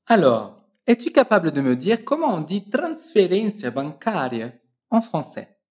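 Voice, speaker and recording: A woman teaches French, coaxing the listener to repeat each phrase after her. Her voice is low and her intonation swoops lively. She drills each phrase slowly and precisely. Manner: encouraging, slow and precise drilling.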